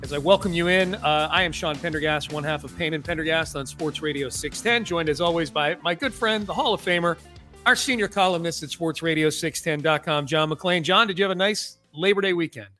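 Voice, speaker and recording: A man's voice: a little high, fairly quick, pushed and bright, faint music behind. An American man hosting a sports podcast in casual talk, sounding slightly stuffy in the nose.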